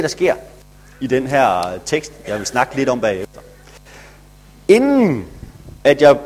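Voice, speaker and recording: Lively husky man telling a children's sermon. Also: medium pitch. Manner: animated, chatty, playful with children. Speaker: pastor.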